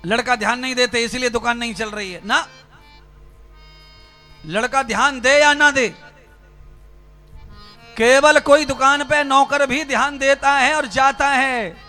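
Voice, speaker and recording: A fervent male preacher with a strikingly high, bright, ringing voice delivers a spiritual discourse. He talks straight to his listeners with rhetorical questions. Faint music plays behind him. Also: fairly even intonation, measured pace, pauses often. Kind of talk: Hindi religious discourse.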